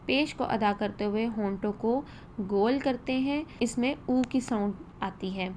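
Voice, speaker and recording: A woman teaching a tajweed lesson, slowing down to demonstrate each vowel sound with care. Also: on the high side, darkish tone, slight background noise. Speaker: Quran recitation teacher.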